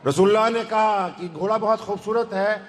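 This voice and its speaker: Preacher, man, Punjabi accent, very high voice, fervent storyteller, long reverb. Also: fairly even intonation, slight background noise. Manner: fervent storytelling with rising emphatic lines. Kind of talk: sermon. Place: large shrine courtyard. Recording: long hall reverb, faint ambience.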